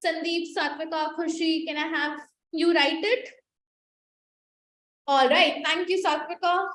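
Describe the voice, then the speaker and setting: A woman's voice: very high voice, fairly even intonation, measured pace, fairly bright tone. A young woman teaching a live online class on communication skills, emphatic and repetitive as she coaxes her students to answer in the chat. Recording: echoey room with faint noise.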